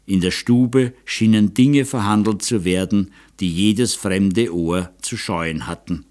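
Slow, low-voiced male narrator. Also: darkish tone. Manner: measured, dramatic reading. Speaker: audiobook narrator. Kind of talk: scripted narration.

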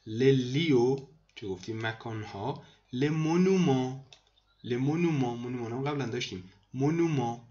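A man teaching vocabulary to students in a screen lesson, repeating each word slowly and explaining it. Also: mid-range voice, warm tone, lo-fi sound. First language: Persian. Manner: repeats words slowly, addresses students as kids. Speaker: language teacher.

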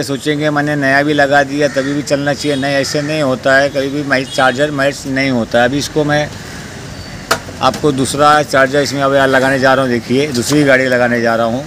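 A male mechanic talks through a hands-on repair in a steady, even voice with little rise and fall. He explains things plainly and keeps circling back with fillers. It was recorded outdoors on a camera mic, with clear street and traffic noise behind him. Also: mid-range voice. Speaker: motorcycle mechanic.

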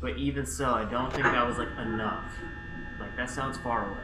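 A man's voice: mid-range voice, normal speed, very noisy. A man in his twenties giving casual commentary as co-host of a gaming video. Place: indoor room. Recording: echoey room with game audio behind. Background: horror game music and sounds.

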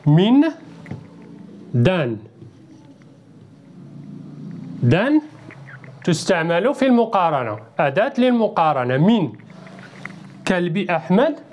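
An English teacher giving a bilingual grammar lesson, talking slowly and deliberately and repeating each word for the learner to drill. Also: medium pitch, sing-song, darkish tone, a little hiss or hum.

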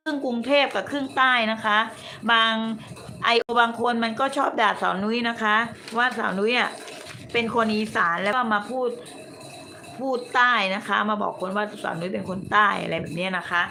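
A woman with a bright, forceful voice that sits a little high, speaking Thai with a Southern lilt blended with Bangkok speech. She chats casually with her fans on a late-night livestream from a room, and she is talkative, blunt and coarse-tongued. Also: moderate pace, gravelly, slight background noise. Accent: Southern Thai mixed with Bangkok Thai. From Nakhon Si Thammarat, southern Thailand. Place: indoors in a room.

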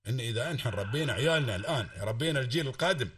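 A man's voice: mid-range voice, animated, rapid-fire, fairly bright tone, slightly rough, dry recording, clean studio sound, far from the mic. A man with an Emirati accent calling in to a radio talk show, lecturing fervently and swearing oaths to stress his points. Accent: Emirati Arabic. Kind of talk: impassioned call-in talk.

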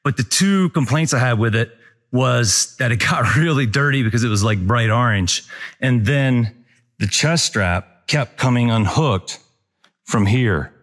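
A man in his forties, an outdoor gear reviewer, films himself on a wooded trail with a handheld action camera at arm's length for a casual review vlog of a hiking backpack. He talks in a relaxed, conversational way with many fillers, in a medium-pitched voice at a measured pace.

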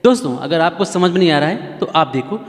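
A man's voice: on the high side, lively intonation, fairly quick, in a large hall. A man hosting a casual how-to keyboard tutorial, chatty and repetitive, often asking viewers to keep watching. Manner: chatty, repeats points, pleads with viewers.

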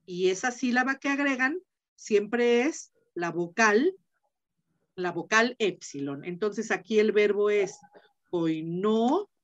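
A woman's voice: medium pitch, lively intonation, takes it slowly, muffled recording. A woman teacher giving an online class, explaining step by step, repeating key points and checking in with her students.

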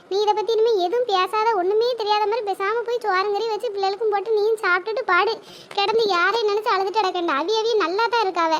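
A woman's voice: very high-pitched, fairly bright tone. A woman voicing an anxious, put-upon young wife in a cartoon, speaking plaintively. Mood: advising. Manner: plaintive, complaining.

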